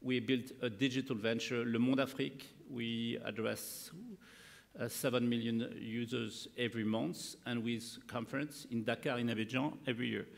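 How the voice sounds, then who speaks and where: A French media executive in his fifties speaks on a conference panel in halting English, searching for words in his French accent. His mid-range voice is level and creaky. A table gooseneck microphone picks him up in an echoey indoor conference hall.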